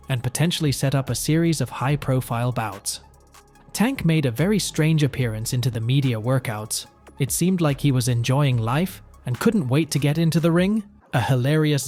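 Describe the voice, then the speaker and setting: Male narrator, mid-pitched, reading scripted sports news over faint music. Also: darkish tone.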